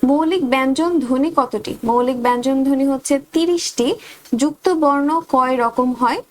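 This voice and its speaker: A woman tutor with a Bangladeshi Bengali accent running a quick exam revision, reading each question and giving the answer straight to her students. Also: sits high, a little hiss or hum. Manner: rapid question-and-answer drilling, addresses students directly.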